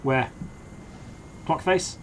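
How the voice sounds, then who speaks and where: A man playing a helicopter pilot in a military game, speaking in measured, understated phrases that switch between casual chat and radio procedure. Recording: loud helicopter noise behind voice.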